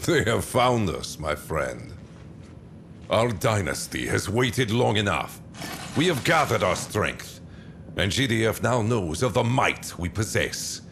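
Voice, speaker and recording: A male actor performs a grave, menacing warlord for a video game cutscene, sounding silky, commanding and theatrically condescending in a deliberate way. His exaggerated voice sits low with a bit of brightness, over slight background noise.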